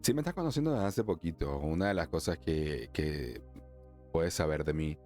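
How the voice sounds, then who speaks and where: A man from Venezuela hosting a solo spiritual podcast, chatty, laughing often, slowing down for emphasis and then speeding up. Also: very deep voice, expressive, a little mellow, soft background music. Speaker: podcast host, emotional wellness therapist.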